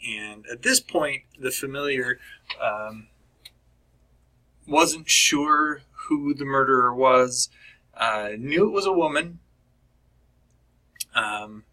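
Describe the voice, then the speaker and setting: Man, slow and halting, bright tone; casual book review, frequent throat-clearing. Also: medium pitch, poor audio. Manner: halting, many fillers and restarts.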